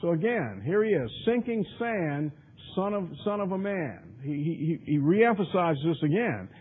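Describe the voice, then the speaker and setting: A man's voice: high-pitched, animated, normal speed, slightly rough. A man preaching a Bible study sermon. He reads scripture aloud in old-fashioned wording, then explains it conversationally with many fillers and repeated words. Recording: tinny, phone-like radio broadcast.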